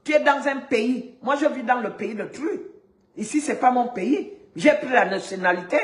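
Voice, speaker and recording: A woman's voice: high voice, fairly bright tone. Indignant woman ranting in an echoey room. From Gabon. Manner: indignant, repeats words when stuck. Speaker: activist vlogger. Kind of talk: heated ranting monologue.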